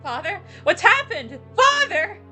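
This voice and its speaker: A woman's voice: medium pitch, big pitch swings, moderate pace, soft background music, voice pushed up, natural voice. A woman fan-dubbing a devoted young noblewoman in a game, formal and earnest. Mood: distraught. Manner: earnest, formal old-fashioned phrasing. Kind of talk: fan dubbing a game's dialogue.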